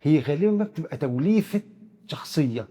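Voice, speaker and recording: A man's voice: fairly high pitch, animated, fast talker, mellow, long reverb tail. A man with an Egyptian Arabic accent, explaining psychological ideas through first-person examples and often restarting his words. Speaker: psychiatrist guest expert. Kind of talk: explanatory discussion.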